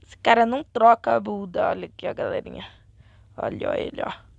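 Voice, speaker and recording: A young woman chatting excitedly to viewers as she plays a game, sometimes dropping into a whisper. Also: mid-range voice, brisk, creaky, no echo, lo-fi sound. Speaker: gaming channel host. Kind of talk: casual gameplay commentary.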